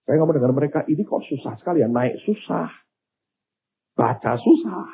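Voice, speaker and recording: Older man, pastor, sermon, husky, phone-like sound. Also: on the high side, quick pace. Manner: animated, rising to loud exclamations. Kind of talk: sermon with storytelling.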